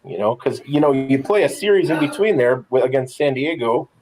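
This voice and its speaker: A man's voice: medium pitch, lively intonation, brisk, low-quality recording. A man co-hosting a sports podcast in a casual, enthusiastic, encouraging way. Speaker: podcast co-host.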